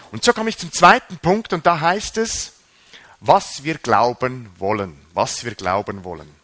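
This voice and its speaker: Lively preacher man. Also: a little high, breathy edge. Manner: animated, rising and dropping sharply for emphasis. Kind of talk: sermon.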